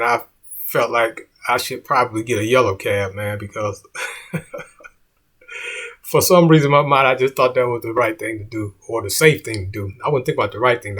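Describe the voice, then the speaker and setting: A man's voice: mid-range voice, a bit bright, husky. A middle-aged man, a comedian, telling a story in a laid-back way and saying "man" often.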